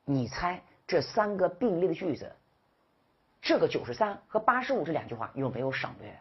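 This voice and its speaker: Husky low-voiced woman lecturing a class. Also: normal speed, muffled recording. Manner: lively, rhetorical questions, scolding and coaxing the class. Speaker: English exam-prep teacher.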